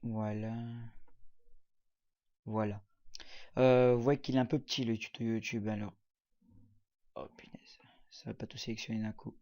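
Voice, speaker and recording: A man's voice: lowish voice, level tone, normal speed, long pauses, warm tone, muffled recording. A man casually walking viewers through a video-editing program, talking while he clicks, with many hesitations and fillers. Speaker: tutorial presenter. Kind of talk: casual screen-recorded software tutorial.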